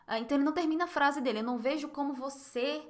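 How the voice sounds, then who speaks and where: A woman with a Brazilian Portuguese accent giving a live online French lesson, explaining phrases and slowly modeling pronunciation. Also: high-pitched. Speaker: French teacher.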